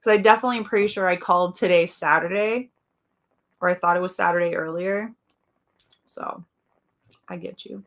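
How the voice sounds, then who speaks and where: A woman with a raspy voice hosting a casual livestream, reading viewers' comments aloud and chatting about them. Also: fairly low pitch, steady tone, brisk, long pauses. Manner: chatty, reads comments aloud, laughs often. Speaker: livestream host.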